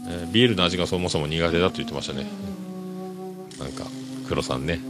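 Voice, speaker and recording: A podcast host from Kyushu, Japan rambles easily through a casual solo episode, his talk full of fillers. He has a deep voice and talks fast, with music playing clearly beneath him.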